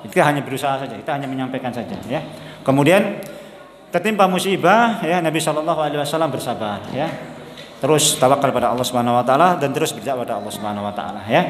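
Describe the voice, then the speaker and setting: A man's voice: medium pitch, animated, fast. A man preaching a sermon, conversational and repeating his points. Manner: conversational, repeats points, mixes in Javanese words. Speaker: Islamic preacher. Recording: echoey hall, faint ambience.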